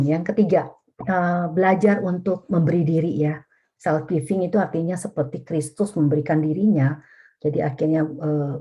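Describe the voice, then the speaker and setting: Woman, middle-aged, vicar, webinar teaching, colloquial, lowish pitch, mellow tone. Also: breathy edge. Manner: casual, colloquial, addresses listeners as "Saudara".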